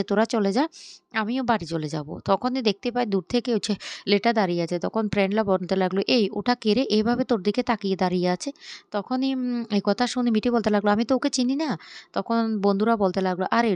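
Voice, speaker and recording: Retelling a TV serial's scenes in a fast story-style recap, a woman reads all of the characters' dialogue on her own. Her voice is medium in pitch and darkish, with no room sound.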